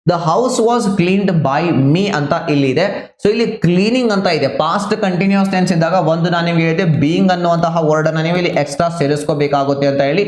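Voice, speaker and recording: A man's voice: on the high side, fast, hardly any pauses, a little mellow, reverberant. A man teaching an online exam-prep class, explaining grammar step by step and switching between Kannada and English, with a Kannada accent.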